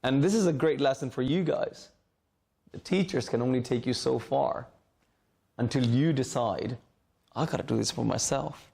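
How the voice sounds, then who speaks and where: A man's voice: mid-range voice, moderate pace, creaky, a little mellow, breathy edge. Earnest middle-aged man addressing students. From Hong Kong. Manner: earnest, repeats words while searching for phrasing. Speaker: alumnus guest speaker. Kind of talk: informal talk to students. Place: school library, seated at a table.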